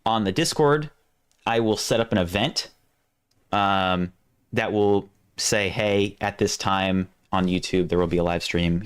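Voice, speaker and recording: A man hosting a live stream, chatting casually and thinking aloud, his voice going hoarse. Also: low voice. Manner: rambling, restarts often, thinks aloud. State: losing his voice.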